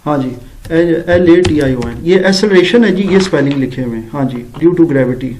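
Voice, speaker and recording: A man with a Pakistani accent talks in a voice pitched fairly high for a man. He hosts a critical review vlog as a teacher, stretching English words out slowly and adding dry sarcastic asides. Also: lively intonation, darkish tone, a little hiss or hum, low-quality recording. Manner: slow, deliberate English words and spelling out mistakes. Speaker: education channel host and teacher.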